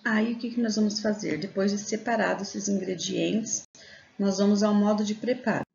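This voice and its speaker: A Brazilian woman in her forties talks through a lesson like a teacher, friendly and chatty, checking in with her listeners as she goes. Her voice sits at a middle pitch. The sound is a little dull and lo-fi, picked up by a webcam in a small room. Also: fairly even intonation, normal speed, vocal fry, darkish tone. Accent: Brazilian Portuguese. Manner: friendly, explains step by step with many "né" and "tá". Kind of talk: casual instructional video lesson.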